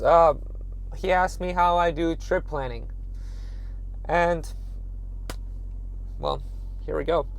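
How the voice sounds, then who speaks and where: Man, trucker vlogger, hoarse and raspy, strained voice, slightly high pitch, casual talk to viewers. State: hoarse, voice nearly gone. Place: truck stop rest area, then inside truck cab.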